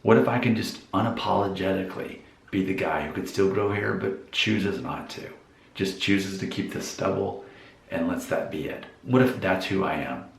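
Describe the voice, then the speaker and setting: Musing and questioning himself, a man in his forties speaks to viewers in an easygoing vlog monologue. His voice is low-pitched and creaky at a normal speed, recorded in an echoey room.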